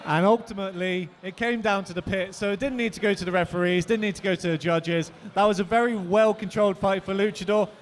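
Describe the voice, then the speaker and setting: High-voiced British man commentating robot fights. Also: steady tone, fast, hardly any pauses, a little hiss or hum. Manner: announcing calls to the ready tables. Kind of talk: live sports commentary.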